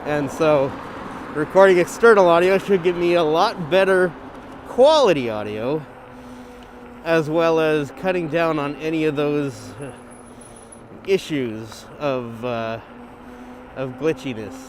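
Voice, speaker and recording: Speaking slowly with frequent pauses, this man has a fairly high, lively voice, slightly muffled by his balaclava. He's a bike vlogger casually thinking aloud as he rides an electric bike on an outdoor trail, captured by a gimbal camera or windscreened lapel mic amid wind, motor and traffic noise.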